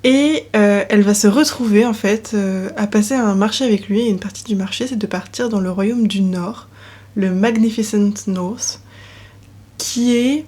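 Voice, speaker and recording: A young woman vlogging at home in front of her bookshelves, chatting casually about books with soft, trailing asides. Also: medium pitch, normal speed. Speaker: book vlogger. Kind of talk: casual chat presenting books.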